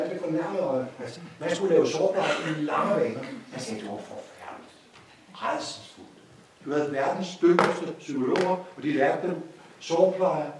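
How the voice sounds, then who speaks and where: Danish guy lecturing a course, kinda high voice, far off mic in a really echoey room. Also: background noise. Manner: storytelling, repeats phrases, animated asides. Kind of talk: informal spoken lecture. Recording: echoey hall from a distance.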